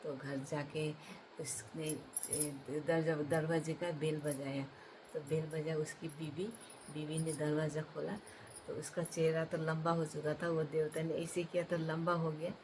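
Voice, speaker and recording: A woman telling a comic folk tale in a casual, halting way, with many fillers and restarts. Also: sits low, little pitch movement, background noise. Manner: halting, with many fillers and restarts, laughing at her own jokes. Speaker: storyteller, channel host.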